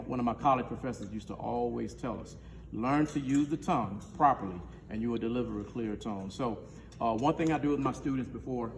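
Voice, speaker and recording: A man who is a band director, teaching a rehearsal and counting in his players, singing syllables to show how a note should sound. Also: mid-range voice. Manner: instructive, counts players in, sings syllables to demonstrate. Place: school band room. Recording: distant, reverberant room recording with faint noise.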